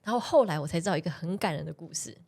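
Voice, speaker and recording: A woman's voice: on the low side, racing, vocal fry, slightly rough. Laughing woman telling stories. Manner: animated, laughs often while telling stories. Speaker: podcast guest. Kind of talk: casual storytelling chat.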